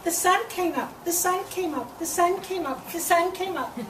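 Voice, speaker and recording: A woman's voice: very high voice, moderate pace, pitched above the performer's own voice. A woman doing a cheeky little boy squirrel, sing-song. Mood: gleeful. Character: cheeky young male brown squirrel, boastful. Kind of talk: reading a picture book aloud to children. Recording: echoey room, distant mic, background noise.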